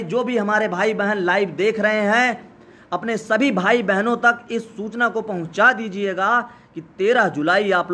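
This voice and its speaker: A man speaking live as a protest organizer, urgently urging listeners to join, his voice hoarse from days of shouting. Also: sits high. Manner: urgent, exhorting, repetitive. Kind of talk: live rallying speech. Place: outdoor protest site.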